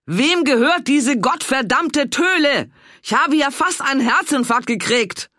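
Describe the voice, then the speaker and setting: A bossy, outspoken older woman, as a male reader puts her on, talks loud and emphatic in a lively, swooping voice. She presses and scolds with quick temper. The audiobook sound is dry and close. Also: low voice, no echo. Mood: furious. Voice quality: loud and emphatic, swings between coaxing and scolding. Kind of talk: audiobook character voice.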